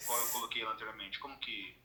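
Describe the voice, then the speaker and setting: A student in an online English class, thinking aloud in long run-on questions. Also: male voice, lowish voice, steady tone, fast talker, pushed and bright, reverberant, poor audio.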